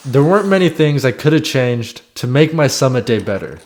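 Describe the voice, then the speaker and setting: Man narrating an adventure, mid-pitched voice. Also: big pitch swings, brisk. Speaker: climber narrating own expedition. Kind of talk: scripted voice-over narration.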